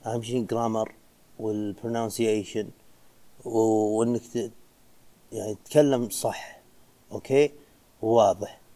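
A man's voice: lowish voice, fairly even intonation, moderate pace, long pauses, warm tone. A young man, a physiotherapy trainee giving casual advice and dropping in English phrases. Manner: chatty, mixes in English phrases.

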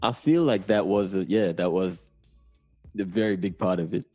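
A deep-voiced Namibian man in his thirties, talking loosely and unhurried as he rambles through his stories. His tone is dark and mellow, and the recording is dry with faint music behind him. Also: no echo. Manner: laid-back, rambling storyteller. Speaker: guest. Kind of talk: casual conversation.

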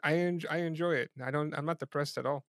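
Fast-talking man with a gravelly voice. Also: fairly high pitch, steady tone, a bit bright, dry recording, studio quality. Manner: self-deprecating, stammers on repeated words. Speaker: podcast host. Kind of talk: casual interview chat.

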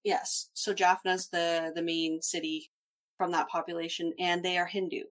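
A woman's voice: fairly low pitch, flat delivery, normal speed. A woman in casual conversation, explaining things as a traveler recounting a trip.

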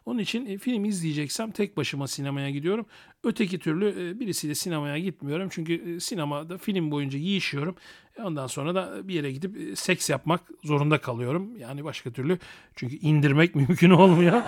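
Male podcast host, slightly high-pitched voice, improvised monologue, cocky and crude humour with frequent chuckling. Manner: crude, boastful, joking; chuckles often while talking. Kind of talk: unscripted solo podcast monologue.

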